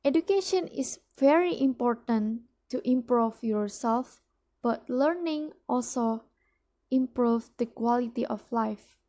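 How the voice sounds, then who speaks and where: Presenting a mock business ad, a young adult student reads out a promotional speech with careful delivery and frequent restarts. She is Indonesian, speaks Indonesian as her first language, and has an Indonesian accent. Her slightly high voice sounds warm and unhurried.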